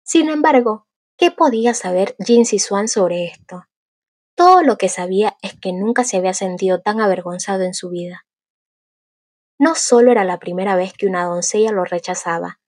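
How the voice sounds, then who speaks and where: A woman narrating an audiobook of a fantasy novel in a steady, even storytelling manner. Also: medium pitch, moderate pace, husky, no echo, clean studio sound.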